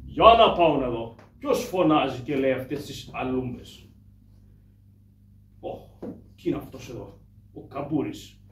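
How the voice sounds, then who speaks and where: A man voicing a fussy, proper older gentleman in shadow puppet theatre who scolds in a prim way. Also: mid-range voice, long pauses, slight background noise, pitched below the performer's own voice, natural voice. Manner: prim, scolding, calls others "my child". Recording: echoey distant stage mic, faint ambience.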